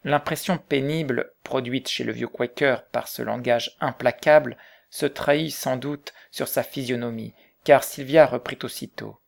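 A man narrating a novel in a measured, literary reading style. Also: mid-range voice, steady tone, gravelly.

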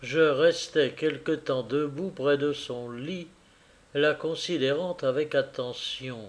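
A man reading a classic novel aloud as narrator, dramatically, slowing down at moments of suspense. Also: on the high side.

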